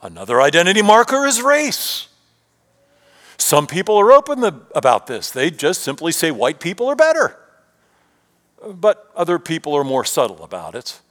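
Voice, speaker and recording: A man preaching a sermon, asking rhetorical questions and dropping his voice low at times. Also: wildly swooping pitch, moderate pace, fairly bright tone. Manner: rhetorical questions, rising and dropping to near whisper. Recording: long hall reverb.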